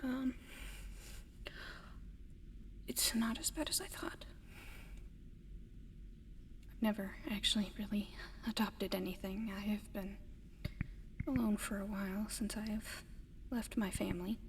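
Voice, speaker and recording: In this whispered ASMR roleplay, a woman plays a gentle, eager giant female alien taking in a human as a pet, speaking straight to the listener. Her mid-range, everyday-sounding voice is hesitant and earnest, breathy and soft with halting pauses. The audio has long reverb and audible background noise.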